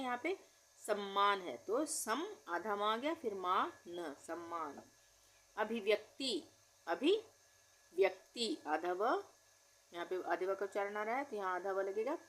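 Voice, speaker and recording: A woman teaching difficult Hindi words, with an Indian accent, saying each word slowly and spelling it out patiently. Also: mid-range voice, a bit bright. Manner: patient, drawn-out word-by-word pronunciation. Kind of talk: slow spelling-out lesson.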